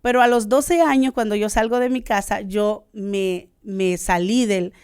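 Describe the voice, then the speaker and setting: A Honduran woman in her thirties with a Honduran Spanish accent, telling her faith testimony as a guest in an earnest way, often pausing with "este". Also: medium pitch, fairly even intonation, darkish tone, clean tone, no echo, clean studio sound. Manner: earnest, searching for words with many "este" fillers. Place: studio.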